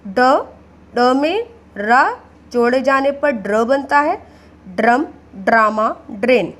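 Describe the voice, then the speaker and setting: A woman's voice: a little high, takes it slowly, a bit bright. A woman teacher giving a patient grammar lesson, repeating each word and addressing the children directly. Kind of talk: slow classroom explanation.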